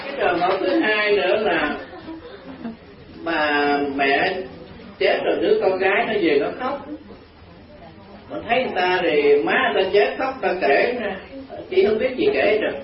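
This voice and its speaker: A man's voice: high voice, animated, moderate pace, pauses often, crowd noise. A middle-aged Buddhist monk with a Southern Vietnamese accent gives a chatty, anecdotal sermon. He speaks straight to his listeners. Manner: chatty, anecdotal, addresses the audience directly. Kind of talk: humorous storytelling sermon. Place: large hall with a live audience. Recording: echoey hall, distant mic, dull lo-fi sound, audience noise.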